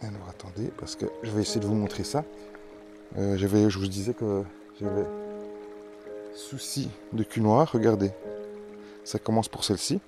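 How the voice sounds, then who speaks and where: Rambling Belgian man, low voice. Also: steady tone, moderate pace, pauses often, music in the background. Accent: Belgian French. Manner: rambling, many hesitations and restarts. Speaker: amateur gardener presenting tomato seeds. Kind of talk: casual garden vlog. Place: vegetable garden outdoors in hot weather.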